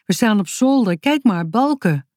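Een vrouw die een snel denkend, bazig meisje voorleest, dringend en bevelend. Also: female voice, medium pitch, animated, moderate pace, darkish tone, no echo, studio quality, natural voice. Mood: urgent. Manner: urgent, commanding. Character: quick-thinking bossy girl in a hurry.

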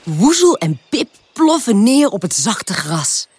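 A woman reading a children's storybook aloud in a gentle, clear storytelling manner. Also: medium pitch, big pitch swings, takes it slowly, no room sound. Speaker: narrator.

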